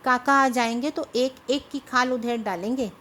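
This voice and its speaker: A woman's voice: high-pitched, fairly even intonation, moderate pace, bright, forceful tone, slight background noise. A woman voicing a bold, stubborn young village wife who speaks firmly. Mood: defiant. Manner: defiant, firm.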